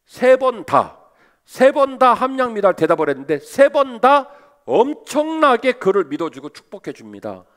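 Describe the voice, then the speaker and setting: A man preaching a sermon as pastor, lively and asking his listeners rhetorical questions. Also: very high voice, moderate pace. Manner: animated, asks the congregation rhetorical questions.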